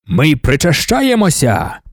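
A man voicing an ancient, commanding male god-emperor for an audiobook, speaking slowly and ceremonially. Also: huge pitch swings, no room sound, clean studio sound, exaggerated voice. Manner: slow, booming, ceremonial pronouncements. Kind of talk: audiobook narration.

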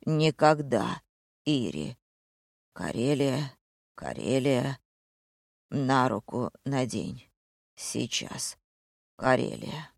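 A woman voicing a badly injured young woman who gasps out broken words in a faint, hoarse whisper. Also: very deep voice, a little mellow, no echo, clean studio sound, full character voice. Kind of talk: audiobook character voice.

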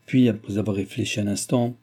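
A man reading a classic novel aloud as an audiobook, in a measured storytelling voice. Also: on the low side, fairly even intonation, dark tone, slightly rough. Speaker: audiobook narrator. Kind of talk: scripted audiobook narration.

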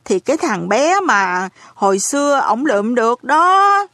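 A woman voicing a hard-of-hearing elderly landlady who speaks in a slow, lamenting, folksy way. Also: on the high side, sing-song, fairly bright tone, no echo, studio quality, exaggerated voice. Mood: lamenting, gossipy.

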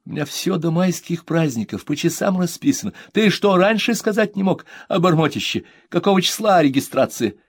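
A man's voice: fairly high pitch, expressive, brisk, hardly any pauses, slightly rough, no echo, pitched above the performer's own voice. A man voicing a busy middle-aged woman filmmaker who scolds in exasperation. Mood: exasperated.

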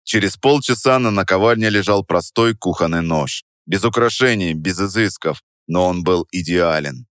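Male narrator, first-person audiobook, steady delivery, low voice, dry studio sound. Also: normal speed, few pauses, no echo.

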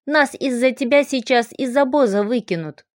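A woman's voice: high-pitched, normal speed, dry recording, studio quality, natural voice. Woman reading an indignant pilgrim husband. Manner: indignant, insistent.

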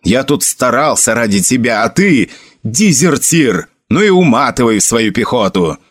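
A man voicing an angry, hot-tempered young noble commander who shouts rebukes. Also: mid-range voice, big pitch swings, normal speed.

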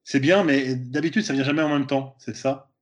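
A man's voice: mid-range voice, fairly even intonation, moderate pace. A man from Switzerland with a Swiss French accent, a comedian guest chatting casually on a podcast, hesitant and repeating words often.

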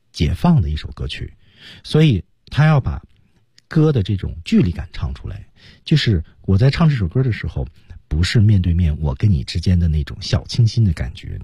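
A man's voice: low-pitched, mellow, slightly rough, no echo. A man teaching English on a radio lesson, explaining patiently in a radio studio.

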